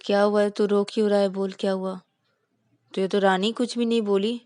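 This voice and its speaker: A woman's voice: mid-range voice, level tone, fairly quick, mellow, dry recording, clean studio sound, close to an everyday voice. A woman voicing a pushy, loyal young woman who demands answers from her friend, in a told story. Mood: insistent. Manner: insistent, demanding.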